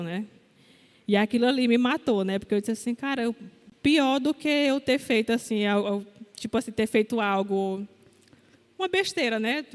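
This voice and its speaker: Young woman preacher, testimony style, candid and personal, higher pitch, church hall reverb. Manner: candid storytelling, quotes herself and others. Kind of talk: sermon testimony.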